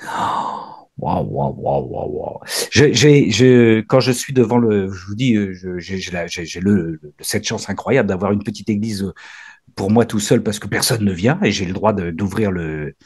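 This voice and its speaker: Husky, effusive man leading prayer. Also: fairly low pitch, moderate pace, a little mellow. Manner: effusive, exclaims often, stumbles and restarts. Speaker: prayer group leader. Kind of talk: leading a spiritual reading group.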